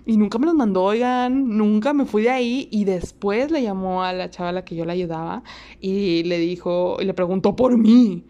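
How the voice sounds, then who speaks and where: Chatty young Mexican woman, mellow voice. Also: normal speed. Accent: Mexican Spanish. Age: young adult. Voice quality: low flat everyday voice. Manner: chatty, animated, with many fillers and laughs. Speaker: storyteller. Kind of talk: casual anecdote to viewers.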